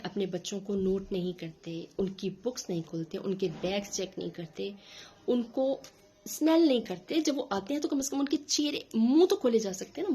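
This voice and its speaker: A middle-aged woman, telling a story in a casual vlog in an animated, indignant way. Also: mid-range voice, breathy edge. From Pakistan. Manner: animated, indignant, acts out quotes. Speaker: vlogger.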